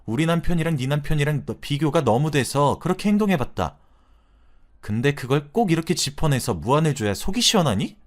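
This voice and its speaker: A man's voice: fairly high pitch, sing-song, a little fast, voice pushed up. Man voicing a bitter jealous woman friend. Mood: defensive, bitter. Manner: indignant, self-pitying outbursts.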